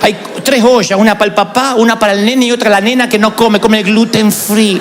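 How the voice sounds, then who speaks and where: A man's voice: high-pitched, brisk, in a large hall, a little hiss or hum. A middle-aged man preaching a sermon and mixing humor with personal stories. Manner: animated, humorous storytelling. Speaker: pastor.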